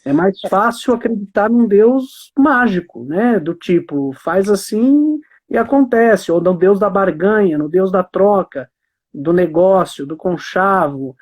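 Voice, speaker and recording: A man's voice: sits high, expressive, measured pace, darkish tone. A man speaking as a guest in a casual conversation on a video call, emphatic and stringing phrases together in rhythm.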